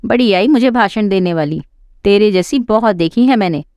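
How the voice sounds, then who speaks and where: A woman's voice: mid-range voice, animated, normal speed, a little mellow, clean tone, dry recording, studio quality, lightly acted. A woman voicing a quarrelsome, scornful older mother-in-law who taunts and scolds. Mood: scolding.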